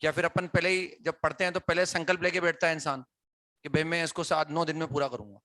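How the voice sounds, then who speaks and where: Man, bright voice, dry close sound, chatty classroom explaining. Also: a little high, steady tone, fast, no echo. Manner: conversational, asks students questions, frequent "है ना" tags. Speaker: teacher. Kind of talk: classroom talk to students.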